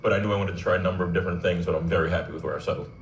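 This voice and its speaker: A man, answering interview questions in a casual, measured way and leaning on "you know" fillers. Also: deep voice, fairly even intonation, reverberant, recorded from a distance, lo-fi sound, slight background noise. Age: 20s. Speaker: political candidate. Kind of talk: broadcast interview guest.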